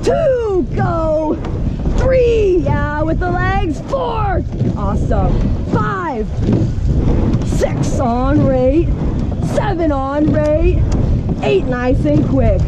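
High-pitched woman coxswain over heavy wind noise. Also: muffled recording. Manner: commanding, urgent, encouraging, repeats short calls. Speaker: rowing coxswain. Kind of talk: rhythmic race calls and urging to a crew. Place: outdoors in a rowing shell on a river. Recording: very noisy wind and water, boat-mounted mic. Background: wind, water and boat noise.

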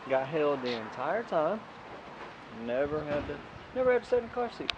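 A man's voice: on the high side, very animated, normal speed, lo-fi sound, noisy background. A man in his thirties chatting playfully on a family beach trip, sometimes speaking for his baby daughter, recorded outdoors on an action camera. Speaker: vlogging dad. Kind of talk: casual family vlog chat. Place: outdoors on a beach and boardwalk, then an indoor spa. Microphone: action camera mic.

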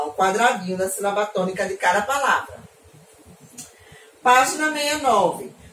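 A young woman with a Brazilian accent, a primary school teacher explaining homework to children in a patient, slow way, repeating and spelling things out. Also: a little high, a bit bright. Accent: Brazilian Portuguese. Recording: echoey room, voice from a distance, faint noise.

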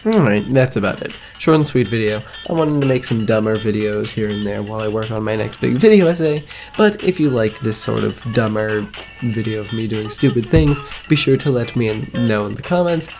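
A man's voice: lowish voice, expressive, fairly quick, over music. A man giving casual scripted narration as a video creator, with a wry, self-mocking manner. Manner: wry, self-mocking, mock-grandiose wording.

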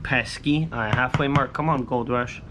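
A man in his thirties speaks at a moderate pace in a mid-range voice while hosting a scratch-off lottery video. He scratches tickets and chats informally to viewers in short, repetitive phrases, recorded outdoors on a covered poolside patio with clear ambient background noise.

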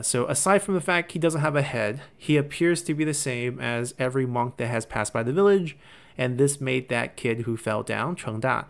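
A man's voice: mid-range voice, vocal fry. A man hosting a game channel, retelling legends and explaining lore in an explanatory way with frequent "uh" fillers. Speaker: gaming channel host.

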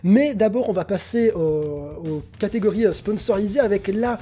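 High, mellow-voiced young man. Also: animated, moderate pace. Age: young adult. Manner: enthusiastic, opinionated, hesitant with many fillers. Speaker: anime YouTuber. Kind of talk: casual spoken commentary.

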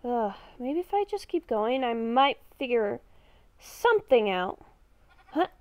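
A woman with a somewhat high, sing-song voice speaks slowly, improvising in-character narration as she plays a game, thinking aloud and repeating her phrases. She's a gamer voicing a roleplay character. There's no echo, but the lo-fi microphone sounds dull.

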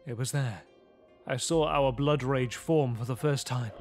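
Over soft background music, a man plays a frightened young man recounting his horror in theatrical, gothic first-person narration. The mood is grave and haunted. His unhurried, mid-range voice sounds close to an everyday speaking voice.

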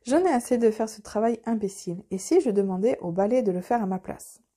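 A woman reading aloud and voicing an impulsive young boy who is a wizard's apprentice, talking high and eager. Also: a little fast, natural voice. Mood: bossy. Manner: high, excited and pleading.

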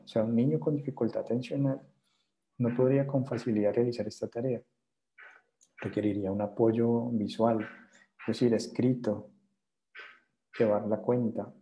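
Colombian male lecturer, very dark mellow tone, insistent and repetitive, keeps checking the class understands. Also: mid-range voice, poor audio. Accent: Colombian Spanish. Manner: insistent, repeats points, asks "¿sí?" and "¿vale?" to check understanding. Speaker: university lecturer.

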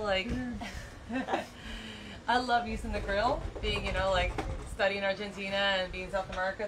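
A woman from Chile in her thirties, working as a yacht chef, talking casually about her cooking with lots of fillers and pauses. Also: fairly low pitch. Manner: friendly, hesitant, lots of fillers. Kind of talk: casual interview. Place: aboard a catamaran. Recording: noisy background with vehicle-like hum.

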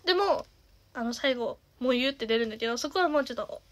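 A young woman in her twenties with a naturally nasal voice, chatting casually as a singer and streamer, with lots of fillers and the odd soft half-whisper. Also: a little high, animated, fast. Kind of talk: casual chat.

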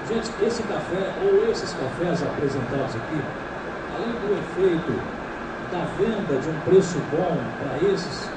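A man's voice: on the high side, animated, measured pace. A Brazilian man working as a live auctioneer, calling and repeating bids insistently and addressing the buyers in a declamatory way, in a large auditorium. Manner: repetitive, insistent, declamatory bid calls. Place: large indoor auditorium, at a podium. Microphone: podium microphone, picked up by distant camera. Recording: noisy echoey auditorium, recorded from far off. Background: loud room noise.

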